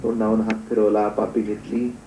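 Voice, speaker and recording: A man preaching a devotional storytelling sermon, dramatic, swinging between hushed and loud. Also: on the low side, level tone, moderate pace, reverberant, background noise. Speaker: kirtan preacher.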